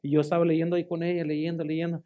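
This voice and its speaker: A man's voice: on the high side, little pitch movement, fast talker, phone-quality sound. A man, a pastor giving his testimony in a sermon, telling it emphatically and repeating phrases for stress. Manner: emphatic storytelling, addresses listeners as brothers.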